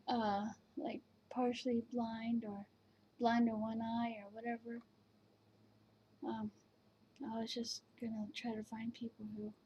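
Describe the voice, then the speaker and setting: A woman's voice: on the high side, warm tone, dull audio, a little hiss or hum. A woman casually chatting at home at her computer, rambling and hesitant, with many fillers and restarts. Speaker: vlogger reviewing virtual canes. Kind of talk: casual chat.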